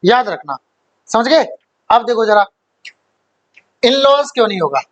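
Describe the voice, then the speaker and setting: A man's voice: very high voice, very animated, unhurried, a bit bright, rough recording. A man teaching a grammar class who quizzes his students, repeats key points, and mixes English terms into his explanations. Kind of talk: classroom lecture.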